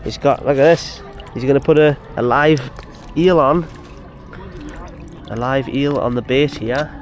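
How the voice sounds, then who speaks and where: A British man in his twenties, a native English speaker, chatting casually as a travel vlogger in halting, foreign-accented beginner Mandarin with simple broken phrases. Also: mid-range voice. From United Kingdom. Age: 20s. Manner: simple broken phrases with repeated searching for words. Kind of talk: casual chat with locals.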